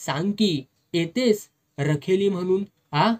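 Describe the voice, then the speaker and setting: A reader voicing a drunk, lecherous, domineering officer who slurs his words and shouts, in a storybook reading. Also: medium pitch, slow, close to an everyday voice. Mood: bellowing. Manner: slurring, bullying, shouts.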